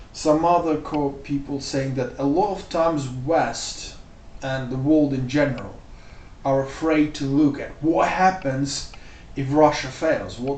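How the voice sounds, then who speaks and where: Male vlogger, middle pitch, casual rambling commentary, slight room hum behind. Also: a little mellow. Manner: loose and rambling, full of "like" and "you know". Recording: roomy sound, mic off at a distance.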